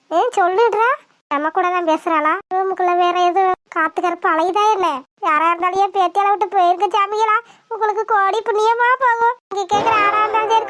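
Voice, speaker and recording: A woman's voice: very high-pitched, fairly bright tone. A woman voicing a fussy, superstitious old village grandmother in a cartoon, who scolds and frets in a nagging way. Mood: fretful. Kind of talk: cartoon voice acting.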